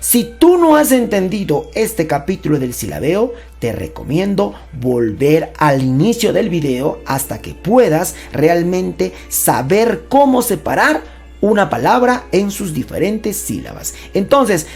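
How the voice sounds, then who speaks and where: A woman teaching a playful grammar lesson, chatty and joking, sounding out words slowly and emphatically. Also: on the low side, sing-song, a little mellow. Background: faint background music.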